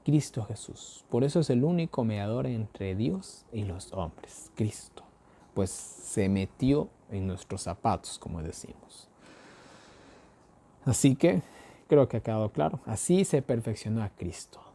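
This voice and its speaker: A man's voice: on the low side, big pitch swings, unhurried, warm tone. A man with an Ecuadorian accent teaching a daily Bible study, posing rhetorical questions and answering them himself in a folksy way, with everyday examples.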